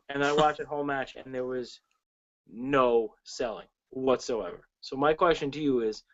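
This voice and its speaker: A man's voice: medium pitch, dull audio. A man co-hosting a podcast in casual chat, rambling and swearing with frequent restarts. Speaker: podcast co-host.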